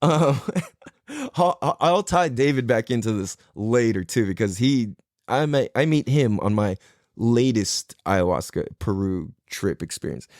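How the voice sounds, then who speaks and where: A man's voice: medium pitch, animated, measured pace, a little mellow, no echo, clean studio sound. A man from the United States in his thirties, hosting a podcast and telling a long story in a rambling, profane way, laughing often. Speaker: podcast host. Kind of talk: casual storytelling monologue.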